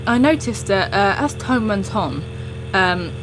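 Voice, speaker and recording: A woman's voice: mid-range voice, lively intonation, measured pace, noisy background. A young woman telling a personal story in a casual, rambling chat, often interrupting herself as she goes. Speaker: storytelling video creator.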